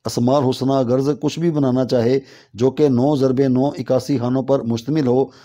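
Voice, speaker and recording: A man reading instructional narration aloud, steady and measured, working through long lists of numbers. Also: medium pitch. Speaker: teacher of devotional recitation methods.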